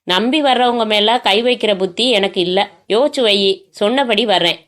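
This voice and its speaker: A woman voicing a menacing male kidnapper who speaks in a cold, measured, taunting way on the phone. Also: medium pitch, a bit bright, lightly acted.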